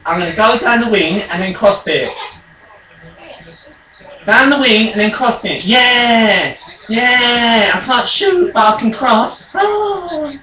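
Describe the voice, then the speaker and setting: High-pitched British raging gamer man, echoey room. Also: lively intonation, slow, lo-fi sound. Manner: raging gamer, shouting and taunting. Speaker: video game player. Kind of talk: trash-talking during an online football game. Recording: echoey room, distant mic, faint noise.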